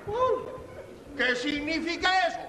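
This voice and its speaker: Excitable secretive slave creature, theatrical, super animated and slow, noisy echoey recording. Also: male voice, very high-pitched, some chatter behind, heavily acted. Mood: agitated. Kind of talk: theatrical comic dialogue. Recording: very echoey hall, background noise.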